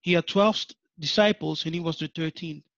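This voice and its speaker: A man hosting a casual conversation, relaxed, with short agreeing replies. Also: on the high side, moderate pace, dry recording. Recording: dull dry lo-fi sound.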